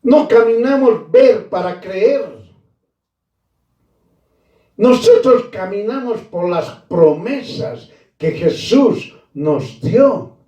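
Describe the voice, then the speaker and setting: A man preaching a sermon at a very slow pace, his fairly high voice rising and falling. His tone is dark and mellow, and he leans on repeated phrases. He sounds a little far from the mic in a roomy, echoing space. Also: expressive, lo-fi sound. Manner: addresses listeners as brother.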